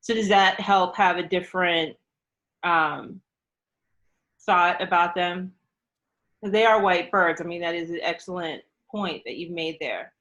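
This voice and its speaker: Talking through a book in an interactive storytime lesson, this teacher keeps prompting her audience with questions. Her voice is fairly low, unhurried and a bit bright, captured with lo-fi sound.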